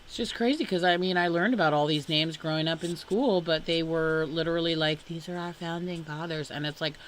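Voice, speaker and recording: A woman's voice: low voice, brisk, slight background noise. A woman vlogger reading a long list of names and titles aloud, breaking off with exasperated asides and sighs. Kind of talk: casual commentary while reading aloud.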